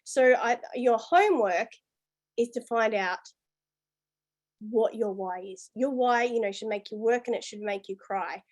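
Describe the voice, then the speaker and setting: A woman's voice: a little high, unhurried, darkish tone. A woman leading her business team, giving a chatty, upbeat motivational talk full of "you know" and "guys". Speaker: business team leader and coach.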